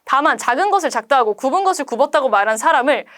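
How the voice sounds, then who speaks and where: Lively high-voiced woman teacher. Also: rapid-fire. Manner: reads quoted lines aloud and paraphrases them in casual speech; asks students rhetorical questions. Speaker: Korean literature teacher. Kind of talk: exam explanation lecture.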